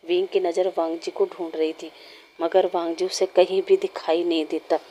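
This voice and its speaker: A woman narrating a fan-fiction story in a steady, plain storytelling manner. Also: lowish voice, moderate pace.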